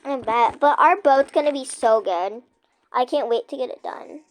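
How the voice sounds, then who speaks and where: A woman's voice: sits high, moderate pace, dry recording. A young girl hosting a casual gameplay video, chatting with a friend and talking to viewers as "guys", giggly and chatty. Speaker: gaming channel host.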